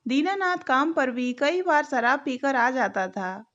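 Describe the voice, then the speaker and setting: A woman narrating a moral story in an even, deliberate way. Her voice is high and her pace unhurried. The recording sounds dull and lo-fi.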